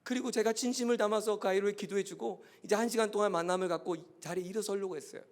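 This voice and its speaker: High-voiced earnest male pastor. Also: steady tone, racing. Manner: earnest, grows impassioned and pleading. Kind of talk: emotional sermon storytelling.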